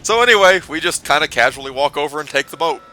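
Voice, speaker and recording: A man's voice: on the high side, expressive, quick pace, background noise. A man casually commenting on a video game with friends, matter-of-factly explaining its details. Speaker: let's play commentator.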